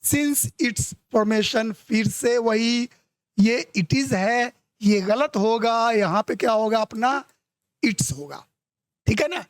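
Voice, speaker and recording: A male teacher works through exam grammar questions at an unhurried overall pace, drawing out each English sentence word by word before explaining it. He keeps asking whether the class is following. The sound is close and dry, with no room echo. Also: very high voice, expressive. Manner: slowly reads out English test sentences, then explains them quickly in Hindi; keeps checking in with the learner. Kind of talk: exam-prep grammar lesson.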